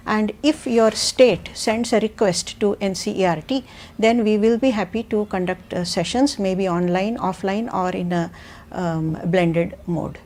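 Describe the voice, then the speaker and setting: A woman's voice: mid-range voice, a little mellow. A woman with a South Indian accent giving a methodical, point-by-point explanation as an education expert on a panel. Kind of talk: explanatory panel talk answering questions.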